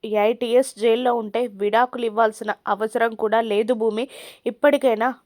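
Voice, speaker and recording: A woman's voice: fairly high pitch, fairly even intonation, moderate pace, a little mellow, dry recording, studio quality, close to an everyday voice. A woman reading an angry accusing father. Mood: furious. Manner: angry, accusing, hammering questions. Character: furious accusing father, middle-aged man.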